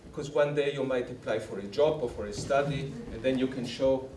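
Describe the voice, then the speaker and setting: A man's voice: mid-range voice, fairly quick, background noise. A man addressing participants in a formal, encouraging closing speech. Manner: formal, encouraging, repetitive phrasing. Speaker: camp organizer. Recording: roomy hall from a distance.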